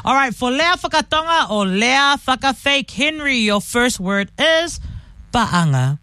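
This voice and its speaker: A woman hosting a radio quiz with playful, teasing banter, giggly and pausing deliberately as she announces words. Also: high-pitched, very animated, bright, forceful tone, clear, resonant tone, dry recording, clean studio sound. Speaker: radio host running a word quiz. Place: radio studio.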